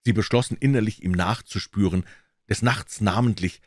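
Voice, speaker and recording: A man reading a classic novel aloud as scripted narration, with expressive, dramatic storytelling. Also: lowish voice, moderate pace, no echo, studio quality. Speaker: audiobook reader.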